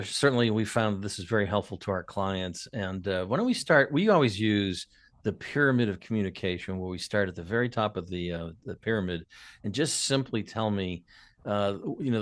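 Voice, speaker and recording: A middle-aged man with a Boston accent hosts a casual podcast. His voice sits fairly low, and he speaks into a boom microphone in an office. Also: no echo. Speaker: podcast host. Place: indoor office. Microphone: boom studio mic with headset.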